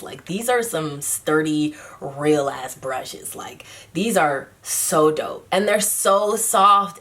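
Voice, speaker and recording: A young woman chatting casually in a get-ready-with-me vlog, a little stuffy from a cold, animated and full of playful slang. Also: on the low side. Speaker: beauty vlogger.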